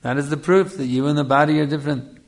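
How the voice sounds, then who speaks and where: Quick-paced and a little high, a man's voice carries a Hare Krishna style scripture lecture. He is a spiritual teacher giving a didactic discourse, repeating phrases for emphasis and checking in with listeners.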